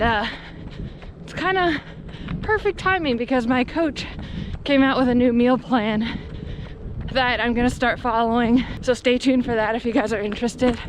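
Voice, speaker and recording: American woman talking while running, windy outdoors. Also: a little high. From Pennsylvania, United States. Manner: chatty, candid. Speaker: running vlogger. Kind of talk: casual chat to camera while running. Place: outdoors on a rural road. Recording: outdoor wind and passing traffic noise.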